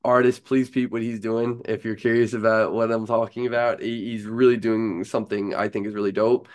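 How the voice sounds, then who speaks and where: A man's voice: fairly low pitch, little pitch movement, brisk. A man hosting a casual interview podcast like a frat bro, full of hype, slang and casual swearing. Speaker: podcast host.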